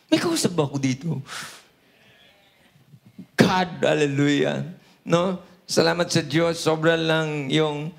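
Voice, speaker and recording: A man's voice: fairly high pitch, gravelly. A middle-aged man with a Filipino accent preaching a sermon in mixed Tagalog and English. He keeps asking "no?" and calls out "hallelujah". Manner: peppers lines with "no?" and "hallelujah", call-and-response. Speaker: pastor. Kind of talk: Taglish sermon.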